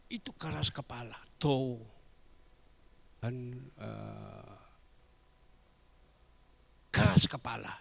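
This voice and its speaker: Gravelly older male preacher, swinging loud and soft. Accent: Indonesian, with Mandarin words. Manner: swings from loud high exclamations to low quiet storytelling. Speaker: pastor. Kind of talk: sermon. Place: church hall.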